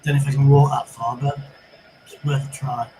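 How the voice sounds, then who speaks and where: A man joins a livestream for some casual conversation, speaking in an easygoing, chatty way. His pitch sits in the middle range. Faint background noise runs under his voice. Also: flat delivery, fairly quick. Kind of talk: casual chat.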